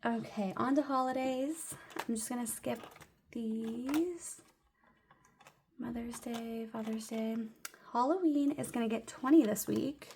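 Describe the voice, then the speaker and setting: A woman's voice: a little high, creaky, a little mellow, a little hiss or hum. A young woman vlogging her weekly cash budget, chatty and a little breathless as she counts bills aloud and laughs often. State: slightly out of breath. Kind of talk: casual budget vlog narration.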